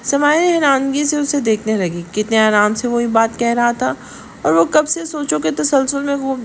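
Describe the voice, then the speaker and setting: A woman reads an audio novel aloud in a high voice with a gravelly fry. She keeps a steady reading pace, with now and then a stumble and restart, over a faint hiss. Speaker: audiobook narrator. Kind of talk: scripted audio novel narration.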